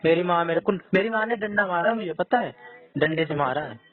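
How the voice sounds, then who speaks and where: A man's voice: high voice, fairly quick. A man chatting casually on a podcast, telling personal stories in a frustrated, rambling way. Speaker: podcast co-host. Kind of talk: casual chat. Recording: tinny phone-like sound with faint music.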